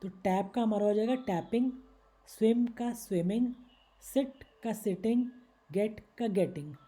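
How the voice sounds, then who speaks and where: Very bright-voiced woman teaching grammar. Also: mid-range voice, unhurried. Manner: patient, explains step by step with examples. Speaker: English teacher. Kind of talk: slide-based Hindi grammar lesson.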